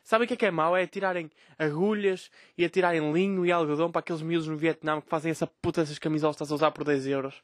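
On his solo podcast, a young man with a European Portuguese accent rants sarcastically, swearing and mocking the voices of others. His fairly high voice races along with few pauses and even intonation, recorded with studio quality and no echo.

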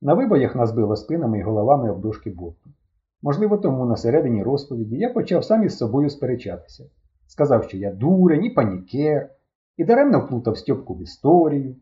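Male storybook narrator, expressive reading, lo-fi recording. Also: medium pitch, quick pace. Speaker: audiobook reader. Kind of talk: first-person storybook narration.

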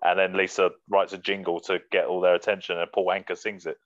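A man's voice: deep voice, flat delivery, fast talker. Laughing man hosting a podcast. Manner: laughs often, swears casually. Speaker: podcast host running a music list. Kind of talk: casual banter podcast. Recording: dull muffled sound, dry.

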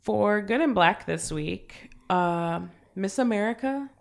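A woman co-hosting a casual podcast, sick, with a deep raspy voice, chatty and trailing off into fillers. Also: expressive, slow. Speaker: podcast co-host.

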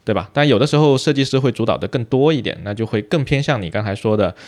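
A man's voice: medium pitch, animated, fast talker, darkish tone. A man co-hosting a casual podcast conversation, explaining his view with examples and checking for agreement. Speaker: podcast co-host. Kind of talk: casual chat.

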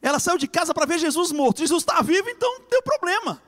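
A man preaching a fervent sermon, swinging between loud cries and hushed lines. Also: extremely high pitch, sing-song, quick pace, long reverb tail.

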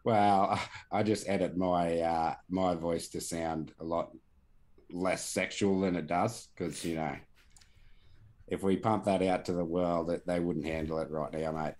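A man's voice: sits low, steady tone, measured pace, a little mellow. A man hosting a podcast in casual chat, swearing and laughing through banter. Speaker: podcast host.

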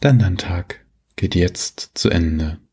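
A man guiding a sleep meditation like a sleep story narrator, soothing and gentle, leaving long pauses, in a soft, husky voice. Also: sits low. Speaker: meditation guide, host.

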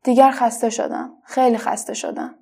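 Lady doing a sad lonely plastic flower, soft pleading voice, a bit high, kids' bedtime story. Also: fairly even intonation, vocal fry, breathy edge. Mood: weary. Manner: soft, wistful, quietly pleading. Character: lonely artificial red flower, gentle and sad.

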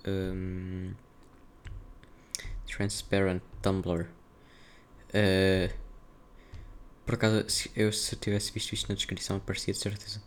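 Speaking slowly with long pauses, this young podcast host has a low voice and a completely flat delivery. His European Portuguese accent colors a casual solo show where he thinks aloud, rambling and slangy.

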